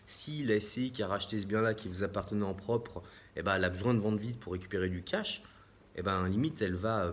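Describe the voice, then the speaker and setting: This French-accented man hosts a relaxed live stream about property investing and keeps stumbling, filling gaps and starting over. He speaks in a lowish voice, with slight noise in the background.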